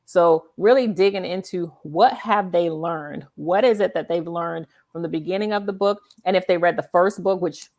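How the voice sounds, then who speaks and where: A woman on the low side of pitch talks at a normal speed with few pauses and a slightly mellow quality. Hosting a conversational interview, she explains emphatically and often checks in by asking "right?".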